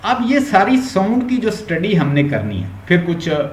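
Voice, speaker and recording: A male linguistics teacher with a Pakistani Urdu accent gives an online lecture, explaining step by step and mixing English terms into his Urdu. His high voice swoops wildly in pitch at normal speed, with soft background music, a roomy echo and a faint hum.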